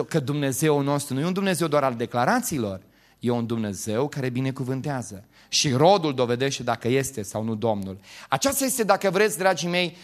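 Lively preaching man, loud then soft. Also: on the high side. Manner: swings from loud exclamations to quiet humorous asides; jokes and laughs with the congregation. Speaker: pastor. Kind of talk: sermon.

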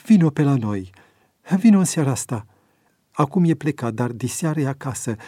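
A woman's voice: very deep voice, lively intonation, warm tone, no room sound, clean studio sound, pitched above the performer's own voice. A man voicing an emotional woman, a wife with a trembling voice who urges a visitor to come. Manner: eager, pressing.

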